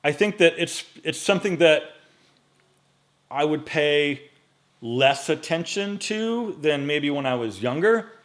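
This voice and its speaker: A man in his late forties answering viewer questions in a casual vlog, relaxed and chatty with frequent fillers, recorded on a microphone in front of him in a home studio. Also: fairly high pitch, slow. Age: 40s. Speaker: men's style YouTuber.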